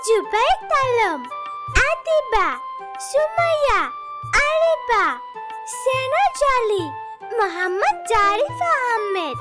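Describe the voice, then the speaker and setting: A woman voicing a squeaky little cartoon character who announces names one by one. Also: expressive, full character voice. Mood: excited. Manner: slow name-by-name announcing. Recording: loud jingly children's music behind.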